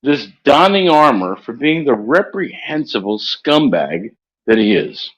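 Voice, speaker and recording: A man's voice: medium pitch, very animated, measured pace, a bit bright, low-quality recording. A man calling in from home while doing dishes, needling the host with pushy, provocative questions.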